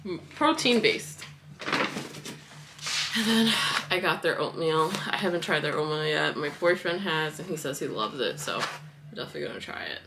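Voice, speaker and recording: Speaking at a moderate pace in an animated, low-sitting voice, a wellness vlogger in her thirties chats loosely about her grocery haul at home in the kitchen, using lots of fillers and "likes." A camera rests on the counter as she moves in and out of frame, and there's a noisy background.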